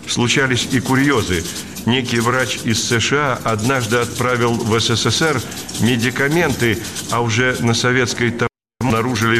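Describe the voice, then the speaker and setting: A man reading a scripted documentary narration in a measured way, quoting old letters in the same voice. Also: mid-range voice, background noise. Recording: voice-over with loud music underneath. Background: music bed.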